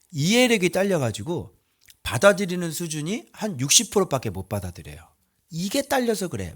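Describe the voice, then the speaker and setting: A man in his fifties preaches a sermon with a voice pitched a little high and a very lively, swooping intonation. He talks in a blunt, conversational way, peppering his lines with quick rhetorical questions to the congregation. He swings from loud, pressing outbursts down to low mutters. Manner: emphatic, colloquial, asks listeners rhetorical questions. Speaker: pastor.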